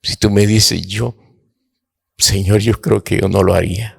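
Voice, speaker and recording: A man preaching a sermon to his congregation, slow and dramatic, rising to impassioned outbursts. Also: on the low side, fairly even intonation, gravelly, breathy edge. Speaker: apostle, preacher.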